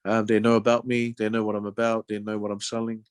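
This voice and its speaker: A man with a New Zealand accent, working as a real estate agent, delivers relaxed, conversational sales talk, friendly and loose with small verbal padding. His lowish voice is clear and resonant at a quick pace, captured in a dry recording with very little room sound.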